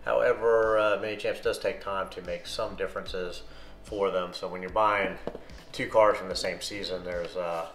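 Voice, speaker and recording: A man with a very low voice talks through his collection in a loose, unscripted way. He hesitates often and fills gaps with ums and uhs. The room around him rings with echo. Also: steady tone, moderate pace, fairly bright tone. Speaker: model car collector reviewing his collection. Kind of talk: casual unscripted product review. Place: room indoors, hands on a table with models. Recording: echoey room.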